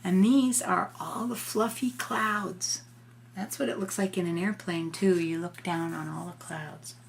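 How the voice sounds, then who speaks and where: A grandmother reads a picture book aloud to a child, gently explaining things and adding informal asides. Her gravelly voice is on the low side, a little slow, with fairly even intonation.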